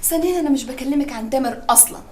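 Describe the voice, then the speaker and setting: A woman's voice: high voice, very fast, mellow, roomy sound, a little hiss or hum, close to an everyday voice. An actress with an Egyptian accent playing a smitten young woman in a TV comedy, talking dreamily. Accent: Egyptian Arabic.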